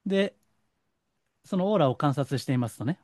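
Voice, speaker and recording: A middle-aged man from Kansai with a Kansai accent, a psychic counselor giving a lecturing solo talk and slowing down to stress points. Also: on the high side, no room sound, clean studio sound. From Kansai, Japan. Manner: lecturing, animated, slows for stress. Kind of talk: solo monologue to camera.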